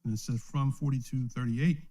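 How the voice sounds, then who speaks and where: A man's voice: medium pitch, fairly even intonation, fairly quick, dark tone. A man, an elder, teaching an informal Bible lesson who keeps checking in with "right?" and chuckles often. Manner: asks "right?" after most points, chuckles often. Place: recorded at home or a small study, streamed live.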